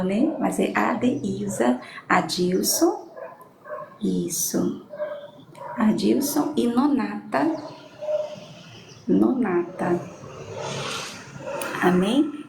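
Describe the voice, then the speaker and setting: Slow, affectionate church woman. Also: medium pitch, creaky. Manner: affectionate, reads out names slowly, frequent amém and né. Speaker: church leader taking prayer requests. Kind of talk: live-stream prayer session. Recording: echoey room with ambient noise.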